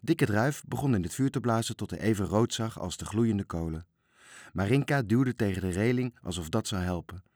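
Man reading a kids' storybook out loud, lowish voice, expressive, dry close sound. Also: no room sound. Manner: expressive, slowing at sad moments. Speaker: narrator.

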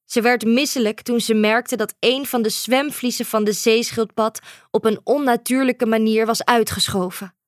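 A woman narrating a children's storybook in a calm, measured way. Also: a little high, no echo, clean studio sound. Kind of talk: storybook reading.

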